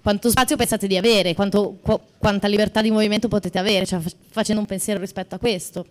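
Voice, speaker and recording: A woman's voice: medium pitch, fairly even intonation, fast. A woman moderating a public assembly, putting a question to the speakers and searching for words as she goes.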